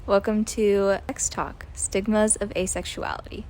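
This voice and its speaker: A woman's voice: medium pitch, fairly even intonation, a little slow, a little mellow, a little hiss or hum. A woman in her twenties hosting a college podcast, talking casually with frequent ums as she explains. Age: 20s. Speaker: podcast host.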